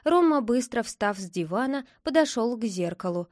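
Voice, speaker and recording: A woman narrates a children's story in a lively, expressive way. Her voice is fairly high, and the recording is dry and close with no room sound. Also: normal speed, no echo. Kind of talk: storybook read-aloud.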